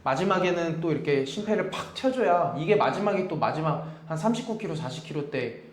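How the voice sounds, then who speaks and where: A man with a slightly high, very animated voice talks casually like a running coach. He explains emphatically, and the room around him is echoey. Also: fairly quick, heavy background noise. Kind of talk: casual chat about running training.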